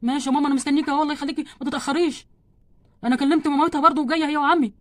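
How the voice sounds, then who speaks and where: A woman's voice: high-pitched, fairly even intonation, very fast, close to an everyday voice. A woman with an Egyptian accent voicing Ken, an anxious young husband doll who keeps fretting and repeating himself. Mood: reassuring. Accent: Egyptian Arabic.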